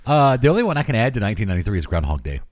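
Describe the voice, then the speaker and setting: Male podcast co-host, low voice, dry quips, expressive intonation. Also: very fast, dry recording. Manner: dry one-liners, wry teasing. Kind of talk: casual chat.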